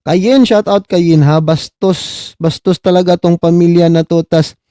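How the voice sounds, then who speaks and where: A middle-aged man from the Philippines doing casual live-stream commentary, mocking his subjects, asking "di ba?" again and again and giving shout-outs to viewers. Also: fairly high pitch, steady tone, unhurried, no echo, studio quality. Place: abroad, talking on a live stream.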